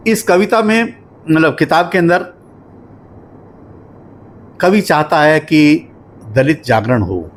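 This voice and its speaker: A man giving a formal spoken review of a poetry book at a literary discussion, measured and explanatory, working through examples. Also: on the high side.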